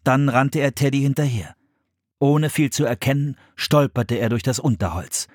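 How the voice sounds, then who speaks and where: A man narrating a children's adventure audiobook in a steady storytelling manner. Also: medium pitch, moderate pace, no echo, clean studio sound.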